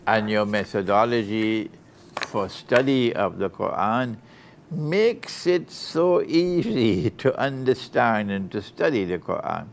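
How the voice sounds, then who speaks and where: Giving a lecture, a male Islamic scholar with a medium-pitched voice reads a student's letter aloud. He goes unhurriedly and deliberately, laughing softly now and then.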